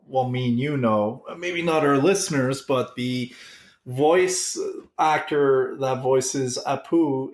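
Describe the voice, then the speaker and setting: A man chats loosely as a podcast co-host, stumbling through restarts and fillers. He speaks slowly and unhurriedly, and his voice rings in a roomy, echoey space. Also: mid-range voice, a little mellow. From Canada. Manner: halting, many restarts and fillers. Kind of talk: casual chat.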